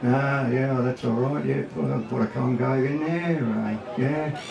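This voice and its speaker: Older man, Australian accent, gravelly, casual reminiscing, colloquial, echoing distant recording. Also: mid-range voice, unhurried, crowd noise. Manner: plain-spoken, colloquial. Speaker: guest speaker, veteran surfboard maker. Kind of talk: casual reminiscing before an event crowd. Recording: roomy echo, far from the mic.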